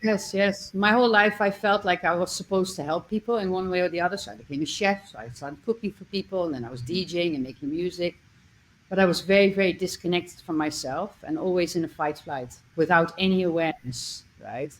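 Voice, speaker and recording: A woman's voice: fairly low pitch, a little fast, low-quality recording. A middle-aged woman from the Netherlands, a coach speaking as a podcast guest and telling her story in an earnest, conversational way. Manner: earnest, listing experiences with small restarts.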